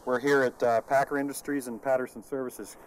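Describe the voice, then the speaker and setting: A man's voice: medium pitch, level tone, brisk, recorded from a distance, slight background noise, low-quality recording. A middle-aged man interviewing a guest outdoors at a recycling yard, friendly and inquisitive, on a lapel mic. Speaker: interviewer, technical director. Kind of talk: on-site interview.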